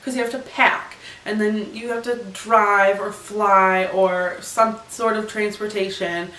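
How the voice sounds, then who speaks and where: A woman's voice: mid-range voice, steady tone, a little slow, fairly bright tone. Chatty young woman, echoey room. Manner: chatty, rambling, giggly. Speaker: vlogger. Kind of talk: casual chat. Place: bedroom. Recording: echoey room, camera far off.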